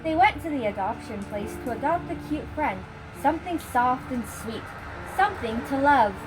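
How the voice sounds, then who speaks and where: A woman's voice: sits high, expressive, moderate pace, poor audio. A woman host reading a scripted short story aloud. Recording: music behind the voice.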